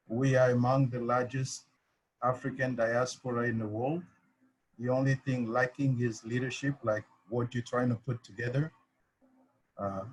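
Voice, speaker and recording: A man's voice: mid-range voice, slight background noise, poor audio. A man from the Congo speaking in an online meeting, with many hesitant fillers. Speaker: meeting participant. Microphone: video call.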